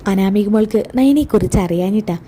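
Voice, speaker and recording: A woman's voice: medium pitch, a little fast, dark tone, slight background noise, close to an everyday voice. A woman voicing a remorseful older mother-in-law who speaks tenderly. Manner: tender, pleading.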